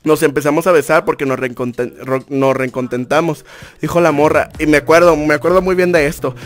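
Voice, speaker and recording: A young man, a streamer telling a story to his chat in a casual, animated way, full of crude slang. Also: on the high side, brisk, soft background music.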